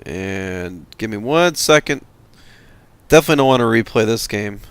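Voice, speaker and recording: A man giving casual commentary on a strategy game replay, tired and halting, with many fillers. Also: lowish voice, lively intonation, clear, resonant tone. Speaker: game caster.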